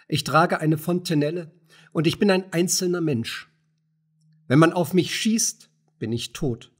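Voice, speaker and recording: A man's voice: a little high, slightly rough. A man voicing a timid, anxious gatekeeper who pleads in hasty, sighing bursts, in an audiobook reading.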